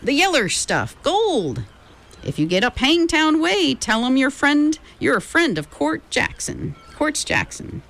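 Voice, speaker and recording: Woman voicing a male gold miner, storybook, drawling frontier dialect, raised voice, swooping lively pitch. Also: a little slow, gravelly, exaggerated voice. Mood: genial. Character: folksy, eccentric adult male gold miner. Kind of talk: audiobook character voice.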